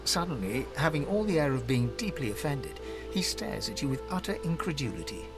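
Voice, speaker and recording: An actor playing the dramatic storyteller of a fantasy video game, narrating in literary phrases. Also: male voice, mid-range voice, big pitch swings, a little fast, close to an everyday voice. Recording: game music behind the voice.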